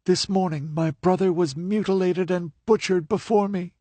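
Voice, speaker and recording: Putting on the voice of a desperate, grieving young noblewoman close to tears, a male narrator pleads in a high, strained tone far above his own range. It comes across a bit husky and somewhat louder than his narration, with fairly even intonation, normal speed, and a dry, close, echo-free recording.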